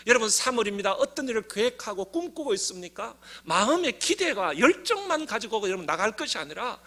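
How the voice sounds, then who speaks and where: Gyeongsang pastor preaching, really high voice, super lively, gets the congregation to repeat after him. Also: male voice, brisk. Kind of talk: sermon.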